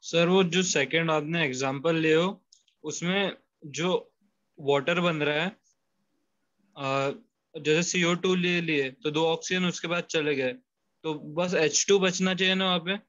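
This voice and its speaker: Slow, hesitant male student. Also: a little high, fairly even intonation, a bit bright, muffled recording.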